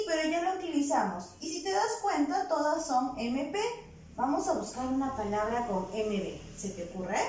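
A woman teaching a virtual primary class, dictating words slowly and patiently, syllable by syllable, recorded away from the mic in a room with echo. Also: high voice, darkish tone, recorded from a distance, a little hiss or hum.

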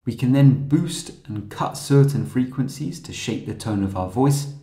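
A man narrating a scripted software tutorial in a calm, steady, explanatory way. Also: medium pitch, moderate pace, reverberant, soft background music.

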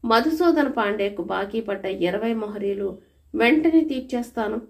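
A woman's voice: mid-range voice, lively intonation, moderate pace, vocal fry, darkish tone. A woman voicing a sly, dishonest male merchant who fawns and turns defensive, in a storybook reading. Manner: fawning, then defensive.

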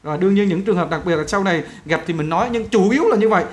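A male English teacher, giving a pronunciation lesson and saying example words slowly, stretching the vowels. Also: high-pitched.

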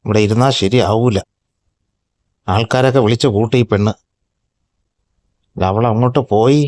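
A man's voice: on the low side, moderate pace, a little mellow, dry recording, pitched below the performer's own voice, natural voice. A man voicing a grumpy, wary male tomcat in a pet vlog, muttering sulky complaints. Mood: sulky grumbling.

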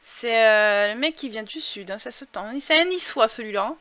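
A young woman giving chatty, excitable commentary while playing a life-simulation game, talking through a headset mic. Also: mid-range voice, normal speed. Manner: chatty, excitable outbursts, thinks aloud. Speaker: gaming YouTuber. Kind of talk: casual let's-play commentary.

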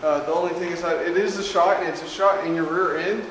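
Speaking quickly in a fairly high, slightly bright voice with a steady tone, a young man rambles through a filler-heavy, chatty vlog. He carries a handheld camera at arm's length around a small cluttered spare bedroom, and the low-quality recording has a little hiss or hum.

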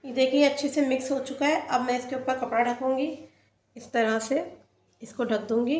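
A woman's voice: high voice, level tone, normal speed, darkish tone, echoey room. A woman hosting a cooking channel, narrating a home recipe step by step as she works in her kitchen. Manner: plain, explains each step as she works.

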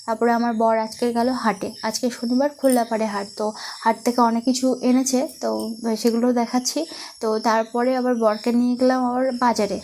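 A young woman with a Bengali accent talks quietly and unhurriedly to her vlog viewers, her voice sitting a bit high. She fills pauses with little hums as crickets and insects sound faintly in the night behind her. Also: level tone, slight background noise. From India. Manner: soft-spoken, unhurried, many fillers. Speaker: vlogger. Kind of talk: casual chat to viewers. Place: home veranda at night.

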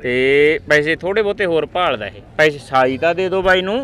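A man's voice: fairly high pitch, lively intonation, brisk, a bit bright, soft background music. A man with a Punjabi accent hosting a market video, coaxing people and pressing sellers on price. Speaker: livestock market video host brokering a deal. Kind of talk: lively haggling at a market. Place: outdoor livestock market.

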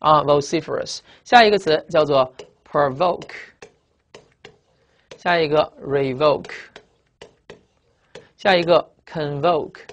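A male teacher lecturing in a classroom. He spells words out slowly, repeats them, and tags his phrases with "啊". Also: on the high side. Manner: lively, drawn-out spelling and repetition, frequent "啊" tags. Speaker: English vocabulary teacher. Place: classroom with blackboard.

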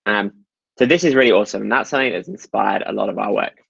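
Low-voiced man explaining slides. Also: lively intonation, fast, creaky, fairly bright tone, husky, no echo, highs cut off. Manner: explanatory, frequent ums and uhs. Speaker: meetup presenter. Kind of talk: technical talk over slides.

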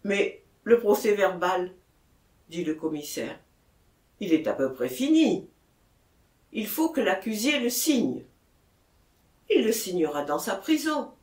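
A man's voice: sits high, big pitch swings, takes it slowly, long pauses, a little mellow, heavily acted. A woman reading an audiobook, voicing a police commissioner who speaks curtly and in a businesslike way. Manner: curt, businesslike. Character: brisk official male police commissioner. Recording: echoey room.

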